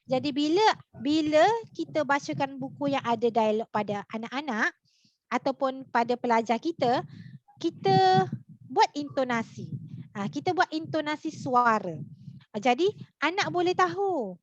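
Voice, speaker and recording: A Malaysian woman leads a live online reading lesson in a high voice, keeps asking her viewers questions, and fills her pauses with little sounds. The sound is dry and dull, a lo-fi recording. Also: expressive, dry recording. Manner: chatty, many fillers, asks viewers questions. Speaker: reading teacher.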